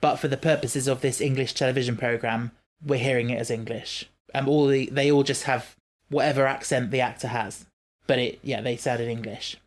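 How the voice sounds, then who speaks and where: A man co-hosting a casual podcast, explaining his views in a measured way with plenty of fillers. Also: medium pitch, steady tone. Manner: measured, reasons things out with fillers. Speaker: podcast co-host. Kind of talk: casual chat.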